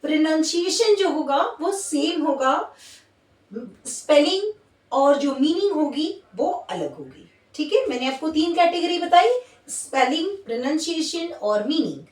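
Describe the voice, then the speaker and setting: A woman's voice: sits high, expressive, measured pace, a little mellow, distant mic. A woman teaching English grammar in a patient, repetitive way, often checking that listeners follow. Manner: patient, repetitive, checks understanding with tag questions. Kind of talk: classroom-style explanation. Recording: echoey room, voice set back from the mic.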